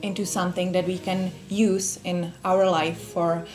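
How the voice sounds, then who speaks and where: Here the young Czech workshop speaker has a lowish voice, a level tone and an unhurried, measured pace. Addressing a small group of listeners in a room, she talks in a friendly, relaxed way with her Czech accent, frequently restarting and leaning on fillers.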